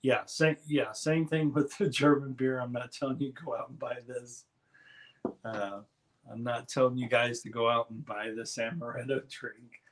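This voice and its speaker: Male live streamer, mid pitch, easygoing and rambling, casual chat with viewers. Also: normal speed. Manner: relaxed, rambling, reads chat aloud.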